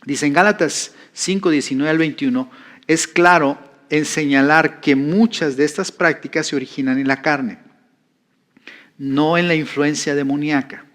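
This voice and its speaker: A man's voice: a little high, normal speed, fairly bright tone. A man preaching in a teaching style, conversational and repeating key phrases for emphasis. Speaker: pastor teaching a class. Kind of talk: sermon teaching.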